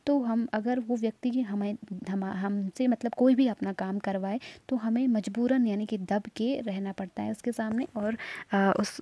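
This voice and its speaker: A woman's voice: mid-range voice, mellow, dry recording. A woman teaching an online exam-prep lesson, patiently explaining each answer step by step and checking in with tag questions.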